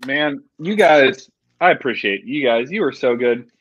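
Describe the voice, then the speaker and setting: A man's voice: mid-range voice, lively intonation, unhurried, a bit bright, husky. A man hosting a casual faith chat over a video call, loose and playful. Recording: dry, dull lo-fi sound.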